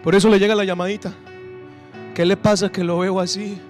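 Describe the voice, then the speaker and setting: A man pastor preaching a sermon, dropping to hushed, slow phrases and then rising to shouted bursts. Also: high voice, level tone, faint music behind.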